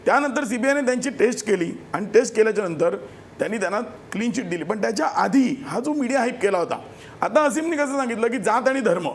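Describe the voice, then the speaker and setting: High-pitched fast-talking man arguing hard. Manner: combative, talks over others, accusing. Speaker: lawyer debating on a TV panel. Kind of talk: heated TV panel debate.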